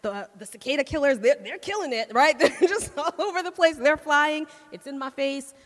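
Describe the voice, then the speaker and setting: A woman's voice: sits high, moderate pace, fairly bright tone. A woman giving a casual, chatty sermon to a church, laughing often and checking in with the audience with "right?". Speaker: church speaker. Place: church hall. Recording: long hall reverb.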